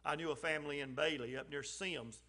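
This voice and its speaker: Talking fairly fast in a high, pushed, bright voice, a lay speaker offers a relaxed message during a church service. Frequent ums and restarts fill his folksy delivery, and he punches up the key phrases.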